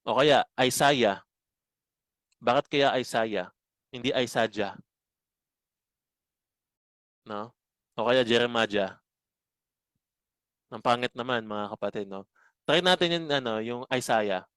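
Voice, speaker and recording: A man teaching a Bible study lesson, explaining slowly and asking his listeners rhetorical questions. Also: mid-range voice, a bit bright, smooth, no echo. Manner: slow, explanatory, asks rhetorical questions often.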